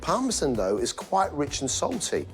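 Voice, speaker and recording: A man's voice: fairly high pitch, wildly swooping pitch, soft background music. Man judging food in commentary. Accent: British. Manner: measured, emphatic food commentary. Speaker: judge on a cooking competition. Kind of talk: voice-over commentary on dishes.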